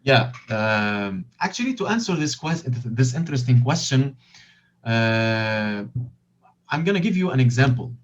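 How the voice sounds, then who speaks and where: A man who is not a native English speaker, explaining his field as an interview guest in a halting way, searching for words and repeating phrases, over compressed audio. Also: mid-range voice, sing-song, muffled recording.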